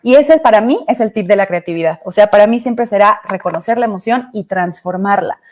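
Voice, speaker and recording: A woman speaking on an online panel. She is emphatic and rattles off quick lists of commands. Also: mid-range voice, darkish tone. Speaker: panelist, teacher and writer.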